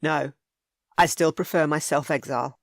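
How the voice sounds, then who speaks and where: Guarded duke, low and firm, each word measured, read by a woman narrator. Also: no room sound, clean studio sound.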